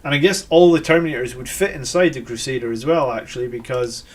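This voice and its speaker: A Scottish man hosting a live stream reviews army lists in casual commentary, thinking aloud with many fillers and self-corrections. He talks fast in a mid-range voice.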